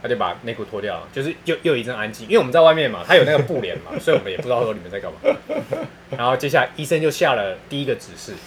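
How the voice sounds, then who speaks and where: A man's voice: mid-range voice, expressive, racing, a little hiss or hum. A man with a Taiwanese Mandarin accent telling funny stories in casual chat, laughing often and using crude slang.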